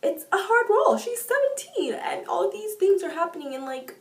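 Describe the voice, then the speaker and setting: A woman reviewing a book in a casual vlog, gushing and excitable, with sudden jumps in pitch. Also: normal speed. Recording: echoey room, mic at a distance.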